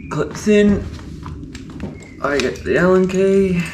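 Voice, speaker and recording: A man's voice: high-pitched, takes it slowly. Easygoing man explaining a bike fix. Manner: relaxed, talks through each step as he works. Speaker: bike tech presenter. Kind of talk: casual how-to demonstration. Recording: echoey room with faint noise.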